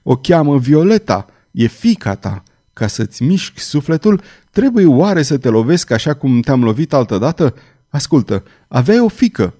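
A man's voice: medium pitch, lively intonation, mellow, lightly acted. A man voicing a middle-aged cardinal, a desperate lover who pleads and cries out in despair. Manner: pleading, then crying out in despair.

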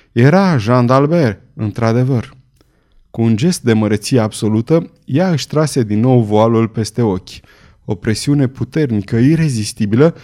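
A man's voice: mid-range voice, warm tone. A man narrating a historical novel as an audiobook, in a theatrical, emphatic storytelling manner. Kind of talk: dramatic historical novel reading.

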